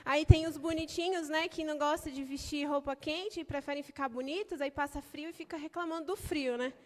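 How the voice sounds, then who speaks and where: Woman, Brazilian Portuguese accent, young adult, preacher, high-pitched, conversational, tag questions. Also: fairly even intonation, fairly quick, big-room sound. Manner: chatty, conversational, with frequent tag questions and light laughs. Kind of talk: sermon with opening prayer.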